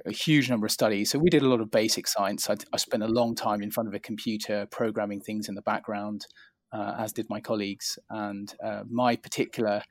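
The recording is studio quality with no room sound, and the man's voice sits on the low side. He's a middle-aged cardiologist from near London with a southern English accent, modestly, politely and hesitantly describing his career as an interview guest.

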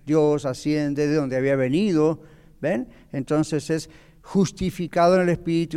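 A man's voice: on the high side, a little mellow, clean tone, big-room sound. A man teaching a Bible lesson to a church class, explaining patiently and asking the audience questions.

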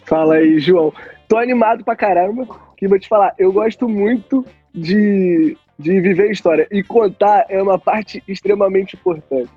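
A man's voice: high-pitched, moderate pace, slightly rough, no room sound, narrow, tinny audio, soft background music. A man co-hosting a podcast in casual, enthusiastic, slangy chat. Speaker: podcast co-host.

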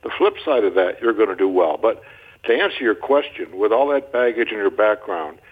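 Heard over a tinny phone line, an older man with a fairly low, breathy-edged voice talks fairly quickly as a radio guest. He's a marriage counselor and an animated storyteller, folksy and quick to joke.

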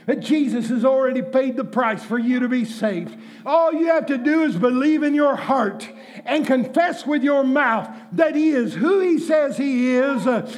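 A male pastor preaching a sermon with shouted, drawn-out emphasis and repeated refrains. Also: extremely high pitch. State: out of breath.

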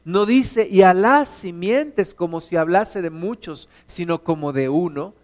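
A middle-aged Mexican man preaching a sermon as pastor, animated, acting out stories in put-on voices. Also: high voice, a little slow. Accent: Mexican Spanish.

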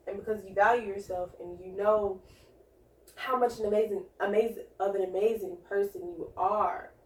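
Woman co-host, mid-pitched, earnest and rambly, distant mic in a roomy space. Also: fairly even intonation, normal speed. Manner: earnest self-love advice, rambling with fillers. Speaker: podcast co-host. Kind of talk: casual chat. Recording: echoey room, far from mic.

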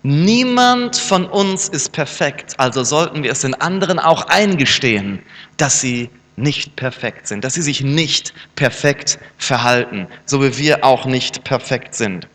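A man's voice: mid-range voice, expressive, measured pace, a bit bright. A man preaching a sermon, acting out everyday scenes between the Bible verses. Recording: reverberant hall with background music.

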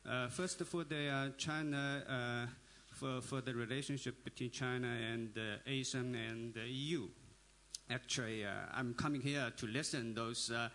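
A man making a long comment from the floor at a panel, halting and full of filler sounds. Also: medium pitch, steady tone, a bit bright. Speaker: audience member at a panel.

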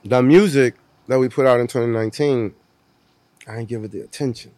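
A Puerto Rican guest musician in his forties chats casually in an interview, laid-back and laughing often. He keeps repeating "you know what I'm saying." His mid-range, mellow voice moves briskly, with no echo.

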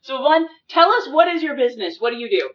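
A woman's voice: sits high, sing-song, fast talker, distant mic, lo-fi sound. A woman hosting an interview, friendly and encouraging, asking short questions. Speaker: interview host, financial expert. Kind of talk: casual interview conversation.

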